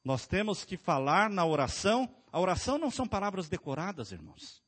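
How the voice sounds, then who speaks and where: A man's voice: high voice, very animated, brisk, a bit bright, breathy edge. A man preaching as a pastor, asking his congregation rhetorical questions. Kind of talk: sermon.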